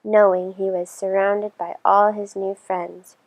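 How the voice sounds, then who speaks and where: Reading a children's story with expressive flair, a woman speaks at a medium pitch and a little slowly. The recording is rough.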